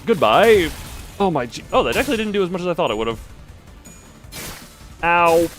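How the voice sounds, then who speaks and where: A game streamer gives live commentary and reads dialogue aloud in a high-sitting, very animated, slightly bright voice at normal speed. He's wry and sarcastic, with playful exclamations, and game music plays in the background.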